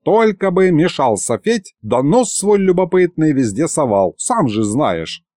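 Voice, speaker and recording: A man voicing a teasing old grandfather with a high, cracked, folksy voice. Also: big pitch swings, measured pace, mellow, dry recording, clean studio sound. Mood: wry.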